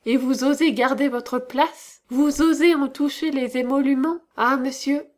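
A woman's voice: on the high side, a little slow, a little mellow, natural voice. A woman voicing an enraged, grief-stricken male colonel who thunders threats in a storybook reading. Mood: thundering.

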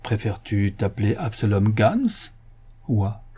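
A man voicing a pompous, quick-tempered police commissioner with a blustering, grandiloquent delivery. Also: on the low side, very animated, dark tone, slightly rough, full character voice. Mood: scornful.

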